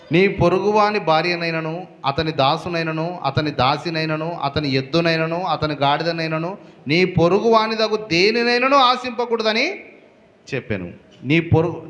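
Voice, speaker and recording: A man's voice: fairly high pitch, a bit bright, highs cut off. A male pastor preaching a sermon, asking rhetorical questions and building to emphatic peaks.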